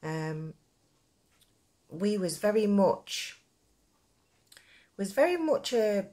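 A woman's voice: mid-range voice, sing-song, very slow, warm tone. A woman with a Nottingham accent, giving a casual, rambling craft tutorial in a chatty, informal way. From Nottingham, England. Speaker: crochet tutorial presenter.

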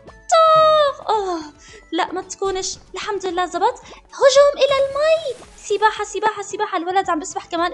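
Very high-pitched woman gamer. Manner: excitable, dramatic, narrates her own play. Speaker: gaming channel host. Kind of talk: playful gameplay commentary.

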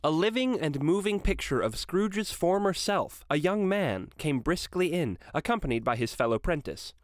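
A man reading a classic story aloud with expressive, varied delivery. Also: fairly high pitch, moderate pace, no room sound, studio quality. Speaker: reader.

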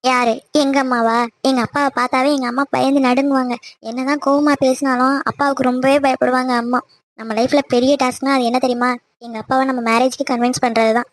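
A woman's voice: high voice, level tone, fast talker, voice pushed down, close to an everyday voice. A woman voicing an anxious teenage daughter in love in a cartoon.

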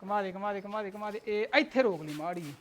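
A man showing buffaloes at a farm, calling out directions in a brisk salesman patter. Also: sits high, a little hiss or hum. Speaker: livestock dealer vlogger. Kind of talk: on-farm livestock showcase. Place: outdoors at a dairy farm.

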